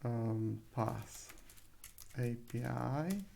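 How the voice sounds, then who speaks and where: Slow, halting man coding aloud. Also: mid-range voice, creaky, warm tone, a little hiss or hum. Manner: halting, thinking aloud with many fillers and self-corrections. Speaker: coding tutor. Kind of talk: live coding screencast narration. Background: keyboard typing and clicks.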